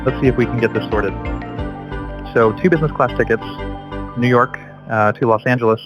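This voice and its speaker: A synthetic male demo voice playing a calm travel booking agent, heard over background music. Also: mid-range voice, brisk, highs cut off, lightly acted. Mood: soothing.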